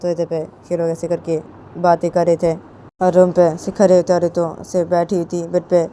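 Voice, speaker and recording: Mellow-voiced woman retelling a story. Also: lowish voice, completely flat delivery, moderate pace, slight background noise. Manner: loose, repetitive retelling. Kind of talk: casual spoken story narration.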